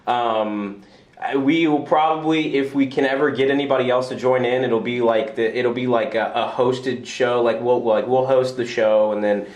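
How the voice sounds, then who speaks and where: A man's voice: mid-range voice, fairly even intonation, moderate pace, darkish tone. Rambling young man in an echoey room. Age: 20s. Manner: rambling, self-interrupting, joking. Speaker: podcast host. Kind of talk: casual chat.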